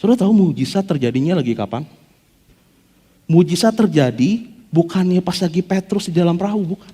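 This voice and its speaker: A man's voice: high-pitched, a little fast, breathy edge. A man preaching a casual, joking sermon as a pastor, acting out quotes as he goes. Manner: animated, jokey, acts out quotes. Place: church hall. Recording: long hall reverb.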